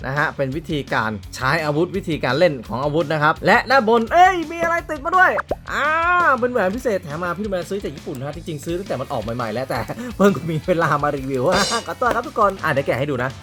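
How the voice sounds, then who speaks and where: A man's voice: fairly high pitch, big pitch swings, quick pace, few pauses, music in the background. A man hosting a casual toy review vlog, chatting straight to his viewers and adding playful sound effects.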